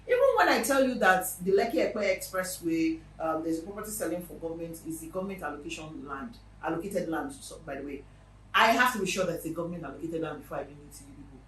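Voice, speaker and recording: A woman's voice: lowish voice, fast talker, echoey room, recorded from a distance, slight background noise, low-quality recording. A Nigerian woman hosting a real estate show, talking casually to her viewers with emphatic repetition. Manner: lively and chatty, with emphatic repetition.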